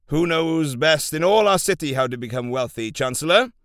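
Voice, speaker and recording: A man voicing a commanding ancient king who speaks in a formal, regal way, louder and a little higher than his narration. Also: expressive, normal speed, dry recording, clean studio sound. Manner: demanding, regal.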